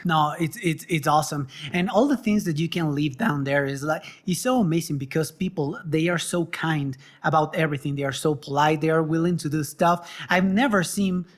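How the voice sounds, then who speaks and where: A woman's voice: deep voice, fairly quick, few pauses. Rambling woman. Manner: warm, rambling, hesitant restarts. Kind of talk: casual chat.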